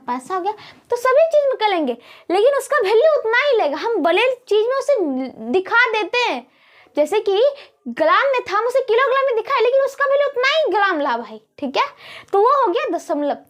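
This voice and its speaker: Bihari hindi lady math teacher, goes step by step and repeats the rules, high lively voice. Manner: explains step by step, repeats rules, addresses students as bhai. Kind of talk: classroom math lesson.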